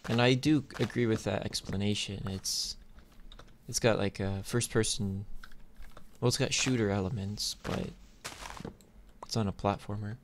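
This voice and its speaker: A gaming YouTuber in a fairly low voice talks through gameplay casually and hesitantly, thinking aloud at an unhurried pace with frequent pauses and fairly even intonation. His mic is noisy, with clicks and typing in the background.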